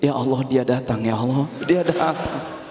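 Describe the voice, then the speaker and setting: A man's voice: mid-range voice, moderate pace, a little mellow, lightly acted. A man voicing a heartbroken young male student who pleads with God. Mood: hopeful. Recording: echoey hall.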